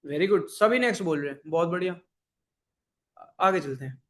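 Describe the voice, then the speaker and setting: A man's voice: fairly high pitch, lively intonation, normal speed, a bit bright. A man teaching a live online programming class, mixing English coding terms into his Hindi, repeating his phrases and quizzing the students. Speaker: programming instructor.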